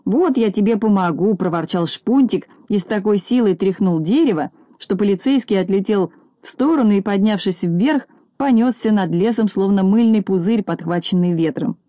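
A woman narrating a children's storybook in a lively, expressive reading style. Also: medium pitch, moderate pace, few pauses, no echo, clean studio sound.

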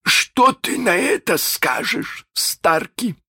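Captain Hook, a man doing a shrill menacing pirate captain. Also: sing-song, slow pace, vocal fry, husky, full character voice. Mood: sly menace. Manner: shouted, silky-menacing, high strained voice.

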